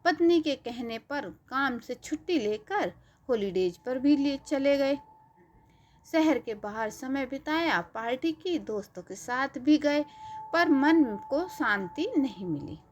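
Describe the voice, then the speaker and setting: A woman narrating a devotional story in a gentle, emotive manner. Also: high voice, lively intonation, takes it slowly, slight background noise. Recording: dull lo-fi recording.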